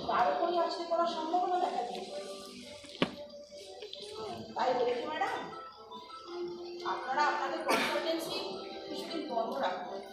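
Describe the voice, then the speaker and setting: A woman's voice: sits high, natural voice. A woman acting on stage as a firm female police officer who lectures and admonishes, slipping English phrases into her talk. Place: large hall stage. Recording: echoey hall, distant mic, music behind.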